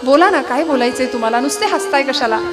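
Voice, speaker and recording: A woman's voice: high-pitched, expressive, fast. A woman kirtan performer voicing a jealous, anxious warrior prince who questions his allies impatiently.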